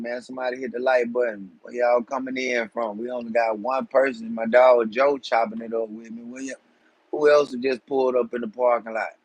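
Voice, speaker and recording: A man's voice: mid-range voice, husky, no echo, rough recording. A man, hosting a casual live stream and chatting loosely with viewers in streetwise slang. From Georgia, USA. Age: 40s. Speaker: livestream host.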